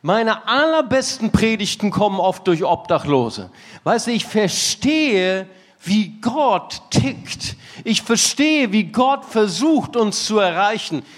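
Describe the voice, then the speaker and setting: High-voiced preacher in an echoing hall. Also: male voice, takes it slowly. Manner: animated storytelling, laughing at his own anecdote. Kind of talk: sermon. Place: conference hall. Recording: reverberant hall.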